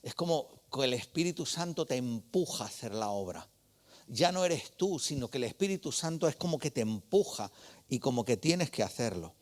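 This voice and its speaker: A male preacher delivers a sermon in a relaxed, storytelling tone. He talks to the congregation like a friend and keeps checking in with short questions. His voice sits at an ordinary, middle pitch for a man.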